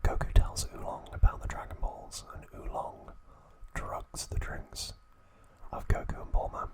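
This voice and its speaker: Here a male ASMR host murmurs his narration near the microphone in brief, hushed bursts. The whisper is breathy and without voice, and the pacing is unhurried and deliberate.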